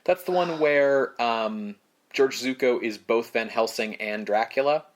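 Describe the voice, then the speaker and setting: A man co-hosting a podcast presents film history in a mid-range male voice. He explains in measured, short phrases, reading from prepared notes and adding casual asides.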